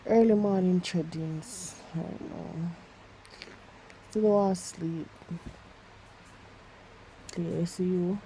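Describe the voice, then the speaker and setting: A young Jamaican woman chatting casually to her camera in a sleepy, unhurried way as a vlogger. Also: lowish voice, fairly even intonation, dark tone, slight background noise, poor audio. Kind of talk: casual vlog chat.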